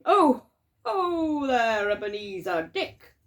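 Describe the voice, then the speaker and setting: A woman voicing a jovial, stout old merchant in a storybook reading, calling out loudly and cheerfully. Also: a little high, sing-song, takes it slowly. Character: jolly fat old male merchant, boisterous.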